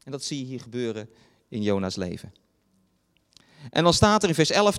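A man preaching a sermon, retelling a Bible story and acting out the voices in it, with fillers and pauses. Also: on the high side, big-room sound. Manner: dramatizes quoted voices, pausing with fillers.

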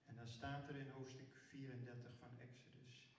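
A man preaching a sermon emphatically, rising to loud declarations and sinking to hushed near-whispers. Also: medium pitch, level tone, moderate pace. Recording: very echoey hall, mic far off.

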